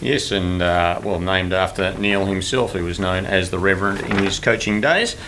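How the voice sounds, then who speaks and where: A man's voice: low voice, normal speed. A man hosting a horse racing preview, talking through tips in a stop-start, hesitant way. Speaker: racing show host. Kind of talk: horse racing tipping talk. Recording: faint background noise.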